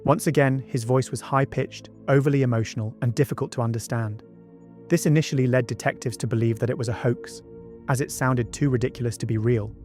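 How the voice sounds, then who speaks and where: A man narrates a true-crime documentary from a script, pausing for conversational asides while music plays underneath. His mid-range voice is a little mellow, with fairly even intonation and a fairly quick pace.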